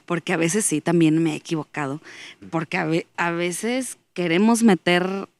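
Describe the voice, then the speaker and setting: A woman's voice: lowish voice, fairly even intonation, moderate pace, no room sound. A woman, a guest giving an earnest faith testimony as she tells a story and acts out the dialogue in it.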